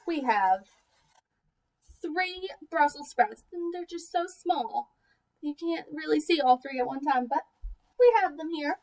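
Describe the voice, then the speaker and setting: A high-voiced woman, a teacher, reads a picture book to small children, expressive and deliberate, asking questions of her listeners. She sounds a little way from the microphone, and the recording is low quality.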